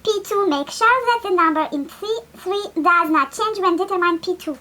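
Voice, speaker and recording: Woman doing high, bright mock English readout. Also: lively intonation, normal speed, exaggerated voice. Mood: mock-serious. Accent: French accent on English. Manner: exaggerated, jokey. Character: woman mock-reading English instructions, playful.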